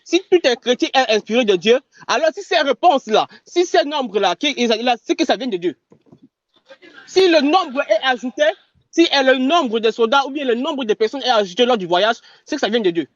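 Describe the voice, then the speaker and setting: A man in a heated online religious debate, halting and restarting, who keeps pleading for the other man to listen. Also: very high voice, expressive, no room sound, dull audio.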